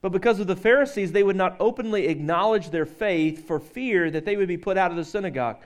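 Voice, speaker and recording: A male pastor delivers a sermon in a loose, conversational way, joking with the people in front of him. His voice sits a little high for a man. He also reads scripture aloud. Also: quick pace. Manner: conversational, joking with the congregation, frequent restarts.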